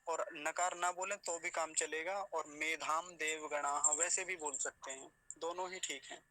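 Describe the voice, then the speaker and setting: Man slowly teaching Sanskrit pronunciation. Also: a little high, steady tone, pushed and bright, poor audio. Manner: slow syllable-by-syllable demonstration. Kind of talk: recitation lesson.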